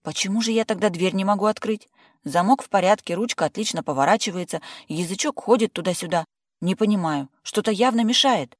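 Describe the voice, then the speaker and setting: A reader voicing a nervous young woman stuck behind her door, anxious and quick to snap back. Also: medium pitch, no room sound, clean studio sound, voice pushed up, close to an everyday voice. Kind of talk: audiobook character voice.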